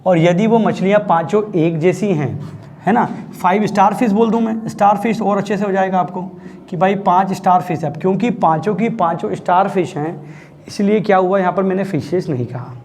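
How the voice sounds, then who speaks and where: A man's voice: sits high, fairly quick, a little mellow, slight background noise. A man teaching English grammar in a chatty classroom style, often checking that students understood. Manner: chatty, repeatedly asks students if they understood. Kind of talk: classroom lesson, explaining.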